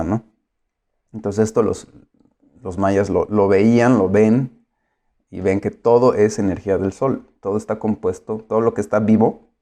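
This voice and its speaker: Slow, hesitant man lecturing. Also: lowish voice, warm tone. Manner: hesitant, many filler sounds, explains patiently. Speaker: course lecturer.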